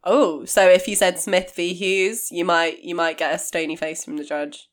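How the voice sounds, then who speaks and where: A woman's voice: on the low side, little pitch movement, moderate pace. A woman co-hosting a podcast in casual chat, making wry, teasing jokes. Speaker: podcast co-host.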